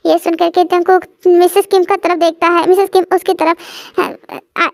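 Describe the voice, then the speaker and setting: Very high, flat-voiced woman narrating a story. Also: moderate pace, dry recording, clean studio sound. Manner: plain storytelling with frequent self-corrections. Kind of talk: fan-fiction story narration.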